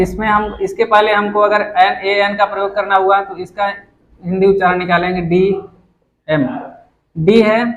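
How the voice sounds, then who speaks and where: A man with a high-pitched voice gives a grammar lesson. He explains each rule step by step, asks a question and then answers it himself. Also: low-quality recording. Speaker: English grammar teacher.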